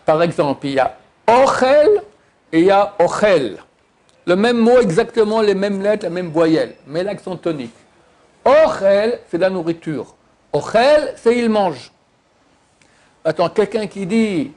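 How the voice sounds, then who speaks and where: Emphatic rabbi, fairly high voice. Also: male voice, lively intonation, moderate pace, a little mellow. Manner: emphatic, repeats Hebrew words to stress the syllable; stumbles and restarts often. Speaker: rabbi teaching a class. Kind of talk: religious lesson.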